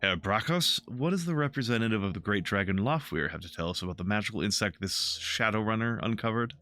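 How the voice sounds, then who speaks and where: A man voicing a cold, stern aristocratic father in a video game, speaking slowly in a low, clipped tone. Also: lively intonation, sharp tone. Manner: slow, clipped and icy.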